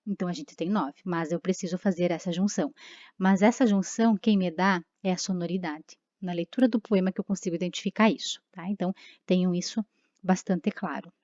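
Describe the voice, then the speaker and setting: Woman, teacher, mellow voice, dry close sound, slightly muffled, patient explaining. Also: lowish voice, fairly even intonation, brisk, dry recording. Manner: explanatory, many tag questions and fillers. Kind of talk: recorded online lesson.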